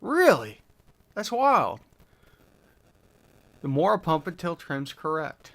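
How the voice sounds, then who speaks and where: A man's voice: a little high, huge pitch swings, slow pace, gravelly, fairly bright tone. A man hosting a live stream, casually reading out viewer questions and thinking aloud through his answers with frequent fillers. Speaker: livestream host answering chat questions on engine tuning. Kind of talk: casual livestream chat.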